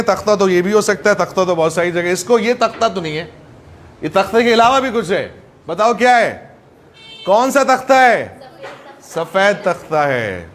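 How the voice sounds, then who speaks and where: A man teaching English in a classroom lesson, playfully quizzing his students with rapid questions. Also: sits high, a little hiss or hum.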